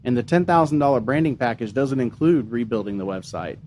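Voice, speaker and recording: A man hosting a business podcast, talking in a relaxed, conversational way with lots of "you know" and "um". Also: mid-range voice, a little fast, slight background noise. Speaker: podcast host, marketing agency owner. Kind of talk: casual podcast chat.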